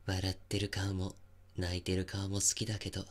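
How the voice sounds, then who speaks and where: A man playing an obsessive, possessive young stalker in an intimate ASMR voice drama, softly coaxing and teasing with menace. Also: medium pitch, very animated, slow. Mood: tender, possessive, menacing.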